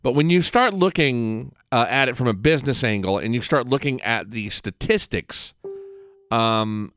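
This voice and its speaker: A man hosts a casual podcast on his own. His voice is smooth and clear, recorded very dry, and he speaks bluntly and with opinion in an unscripted, conversational way. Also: mid-range voice, a bit bright, dry recording. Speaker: podcast host.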